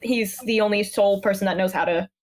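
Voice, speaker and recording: A woman's voice: medium pitch, fast. A woman who plays in a tabletop game, retelling her character's adventure in casual, rambling podcast chat with fillers. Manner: animated storyteller, rambling with fillers and laughs. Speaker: player.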